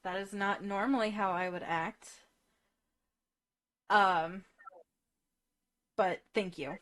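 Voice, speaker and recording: Female player, casual in-character recap; slow pace. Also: mid-range voice, steady tone, a bit bright. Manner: casual, recounting with many ums. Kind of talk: tabletop role-play on a live stream.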